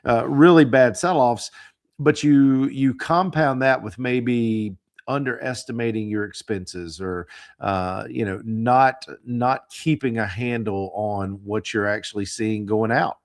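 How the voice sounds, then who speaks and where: A man hosts a financial podcast while hoarse from the flu, chatting casually with lots of fillers and repeated words. His mid-range voice stays steady and moves at a slow pace.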